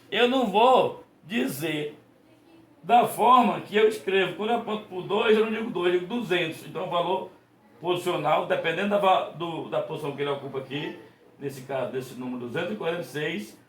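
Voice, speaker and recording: A man with a fairly high voice teaches a math class, patient and repetitive, often asking questions he then answers himself. He restarts his sentences to correct himself. The recording has a noticeable room echo. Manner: patient, repeats points and asks rhetorical questions. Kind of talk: explaining a lesson to students. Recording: echoey room.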